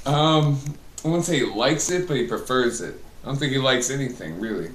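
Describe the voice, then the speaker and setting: A man's voice: mid-range voice, lively intonation, a little fast. A man giving crude, irreverent comic answers as the guest in an improvised mock interview. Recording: echoey room, distant mic, background noise.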